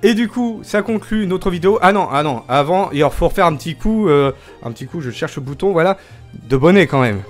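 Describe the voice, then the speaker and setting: A man's voice: on the high side, lively intonation, a little fast. Chatty young man vlogging, faint music. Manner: chatty, lots of fillers and self-mocking laughs. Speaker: YouTuber showing his Christmas gifts. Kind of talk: casual vlog chat. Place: home studio.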